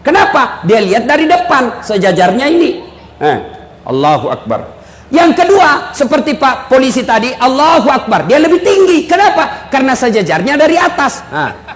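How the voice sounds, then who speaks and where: A male preacher giving a joking live sermon, shouting to stress his points. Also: very high-pitched, very animated, moderate pace. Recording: echoey hall with faint audience ambience.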